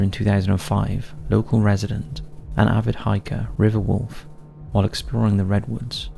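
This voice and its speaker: A man's voice: fairly low pitch, gravelly, mellow. A man narrating a scripted countdown of eerie forest stories in a somber storytelling manner.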